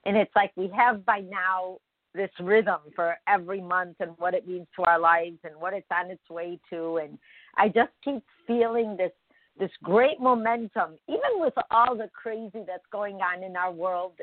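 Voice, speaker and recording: A woman's voice: mid-range voice, no echo, phone-quality sound. A woman hosting a morning show, talking conversationally and emphatically straight to her listeners in a reflective spiritual monologue.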